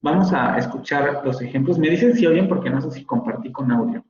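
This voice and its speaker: A man with a fairly high voice lectures on pronunciation over a video call, explaining patiently and sounding out words as he goes. The room sounds roomy and the audio a bit dull, with faint hiss behind. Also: a little fast, a little mellow. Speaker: university phonetics teacher. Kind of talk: online lecture.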